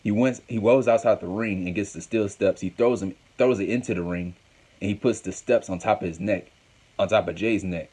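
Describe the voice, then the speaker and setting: A man's voice: lowish voice, a little fast, a little mellow, breathy edge. A man hosting a show, recapping a wrestling match in a casual, rambling way and often repeating himself. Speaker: host.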